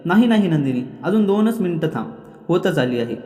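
A man's voice: a little high, big pitch swings, a little fast, mellow, voice pushed up. Guy playing a teasing joking husband, echoey sound. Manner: teasing, playful. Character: playful teasing young husband.

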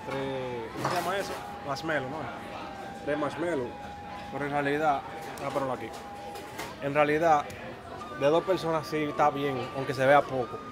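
A man, a food vlogger chatting enthusiastically at a restaurant table, repeating his phrases. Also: mid-range voice. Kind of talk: casual restaurant vlog. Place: busy restaurant. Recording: crowd chatter behind.

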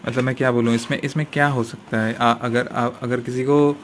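Young man, mid-pitched, hesitant casual unboxing talk, lots of fillers, phone camera indoors, noisy hiss. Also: little pitch movement, brisk. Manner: hesitant, many fillers and restarts. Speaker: vlogger unboxing camping gear. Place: indoor room at a table. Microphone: handheld phone camera pointed at the table.

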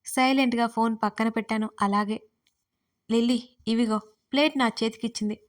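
Woman storyteller, first-person romance narration, lively and chatty, fairly high voice. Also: fast. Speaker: writer and narrator.

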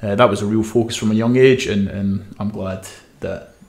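The guest, a swimmer from the west coast of Scotland with a Scottish accent, recounts his story in a podcast interview and restarts frequently. His fairly low, darkish voice stays fairly even at a moderate pace. A desk mic on a stand captures him in a small, echoey podcast room with slight background noise.

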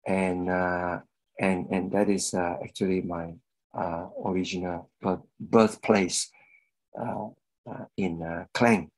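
A middle-aged man from Malaysia shares a personal testimony over a video call. His voice sits very low and he speaks slowly, pausing often with fillers. He talks from a room at home into a webcam mic. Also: steady tone, low-quality recording. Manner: slow and hesitant, many fillers. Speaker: guest speaker giving a testimony. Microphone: video call webcam with earphones.

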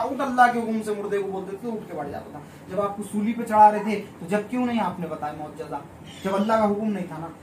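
A man's voice: high-pitched, slight background noise. Man, faith healer, scolding sermon, roomy echo, distant mic. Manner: scolding, admonishing preaching. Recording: echoey room, voice far from the mic.

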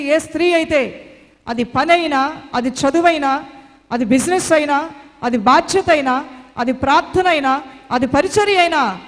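Fervent high-voiced woman preacher, hall reverb. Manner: fervent, repetitive exhortation. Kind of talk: sermon.

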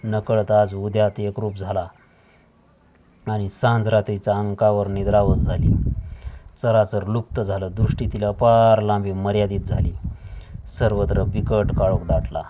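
Low, flat-voiced male storyteller. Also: background noise. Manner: steady, measured storytelling. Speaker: audiobook narrator. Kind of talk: scripted novel narration. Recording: dull lo-fi audio.

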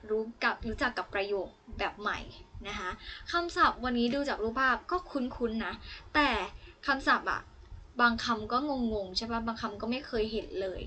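A woman's voice: on the high side, moderate pace. A young woman from Thailand, a student teacher, giving a chatty, encouraging online English lesson to young children. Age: young adult. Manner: chatty, coaxing, encouraging, with warm asides to the children.

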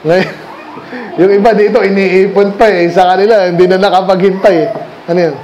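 High-pitched Filipino man preaching. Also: little pitch movement, a little fast, a little mellow, highs cut off, a little hiss or hum. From Philippines. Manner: conversational preaching, frequent rhetorical questions to the congregation; switches often between Tagalog and English. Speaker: pastor. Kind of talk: sermon. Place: church during a Sunday night service.

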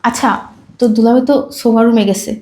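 A woman playing a calm young wife. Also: on the high side, fast talker, roomy sound, lightly acted. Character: young wife testing her husband, calm and curious. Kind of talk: short film acting.

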